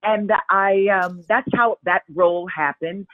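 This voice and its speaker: An expressive woman chats as an interview guest, her voice coming through a narrow, tinny phone-like line. The sound is dry and close, with no room echo. She tells stories with lively energy. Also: medium pitch, a little slow. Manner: expressive, animated storyteller. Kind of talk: casual interview chat.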